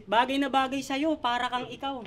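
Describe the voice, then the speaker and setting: Young woman battle rapper, slightly high voice, cheeky mocking insults. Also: flat delivery, normal speed, a bit bright. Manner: mocking, laughing trash talk. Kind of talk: live rap battle verses. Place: bar venue, live event.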